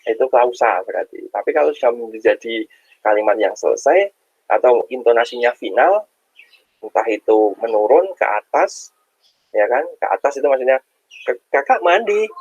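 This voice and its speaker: A man's voice: medium pitch, animated, normal speed, darkish tone, slightly rough, no room sound, lo-fi sound. A male university lecturer speaking with a tinge, giving an informal online lecture with many fillers and acted-out example sentences.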